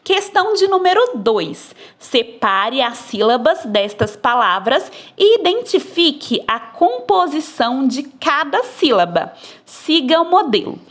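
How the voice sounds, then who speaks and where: Woman teacher, high bouncy voice, slow and patient explaining for kids. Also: sing-song. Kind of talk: recorded lesson explaining textbook exercises. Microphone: phone recording.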